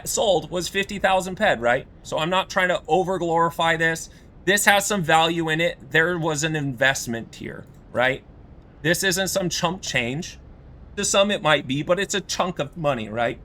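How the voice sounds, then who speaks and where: A male game streamer talks casually in an aggrieved tone, often checking in with "right?" and "you know?". His voice sits a little high and sounds bright and forceful. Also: unhurried. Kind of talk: casual gaming stream talk.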